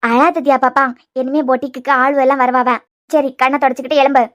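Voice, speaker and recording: A woman's voice: high voice, little pitch movement, brisk, fairly bright tone, pitched below the performer's own voice. A woman voicing a kind, motherly middle-aged helper in a cartoon, with a Kanyakumari Tamil accent. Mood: comforting. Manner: soothing, motherly.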